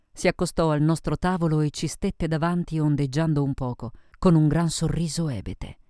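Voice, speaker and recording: A man narrating a novel in the first person with a measured reading manner. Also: a little high, warm tone, no room sound, studio quality. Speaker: audiobook narrator. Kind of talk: scripted narration.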